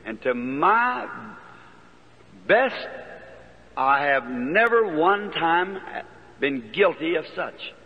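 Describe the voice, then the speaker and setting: A man's voice: fairly high pitch, sing-song, extremely slow, pauses often. A man preaching, telling a childhood story in a folksy, plain-spoken way with rural turns of phrase, on an old archival sermon recording. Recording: dull lo-fi archival sermon recording with long hall reverb.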